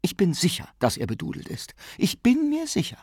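A man reading aloud and voicing a fussy, excitable elderly aunt who speaks in shrill, emphatic exclamations. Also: fairly quick, vocal fry, slightly rough, dry recording, clean studio sound, heavily acted. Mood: urgent whisper.

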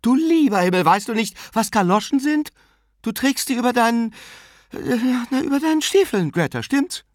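A man reading aloud and voicing a fussy, excitable elderly aunt who speaks in shrill, emphatic exclamations. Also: brisk, creaky, breathy edge, dry recording, studio quality, heavily acted. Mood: exclaiming.

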